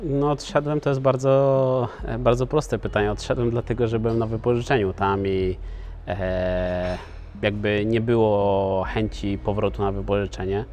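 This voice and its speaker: A man's voice: lowish voice, fairly even intonation, moderate pace, darkish tone, slight background noise. Hesitant man answering interview questions. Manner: hesitant, many filler sounds and restarts. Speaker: professional footballer, guest.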